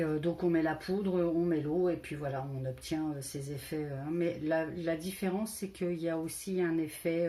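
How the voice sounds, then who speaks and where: A woman's voice: sits low, darkish tone, a little hiss or hum. A woman presenting her papercraft cards in a casual, hesitant way, with many fillers, and speaking with a French regional accent. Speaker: crafting vlogger. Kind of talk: casual craft show-and-tell.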